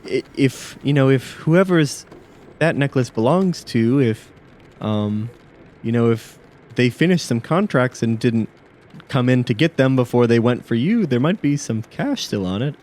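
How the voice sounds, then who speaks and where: A man voicing a brisk young female clerk at a counter in a tabletop game, talking in a rambling, hesitant way. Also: mid-range voice, lively intonation, a little mellow, pitched above the performer's own voice, lightly acted. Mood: chatty.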